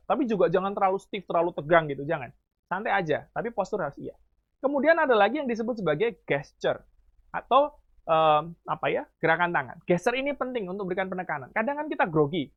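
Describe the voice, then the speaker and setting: A man, coaching high school students in public speaking in a lively, coaxing way. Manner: talks very fast, admits it himself; lively, coaxing, calls listeners "Dek". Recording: tinny phone-like sound.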